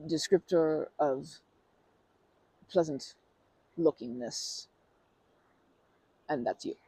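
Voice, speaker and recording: Her voice is deep, mellow and extremely slow, with a breathy edge; the audio is poor but has no echo. She's doing an ASMR roleplay as a friendly stranger addressing the listener, chatty and earnest yet rambling and hesitant, frequently starting over and correcting herself. Light laughs punctuate her friendly, earnest manner.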